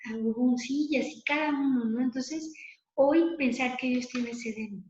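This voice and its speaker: A woman's voice: high voice, moderate pace, darkish tone. A woman leading a spoken prayer meditation, earnest and conversational, often adding little tag questions. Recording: dull, lo-fi, echoey room.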